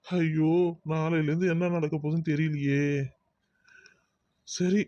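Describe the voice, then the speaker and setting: A man plays an exasperated young cartoon man who keeps sighing and grumbling. His voice sits fairly high. The sound is dull, lo-fi and dry. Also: little pitch movement, unhurried, mellow, no echo, natural voice.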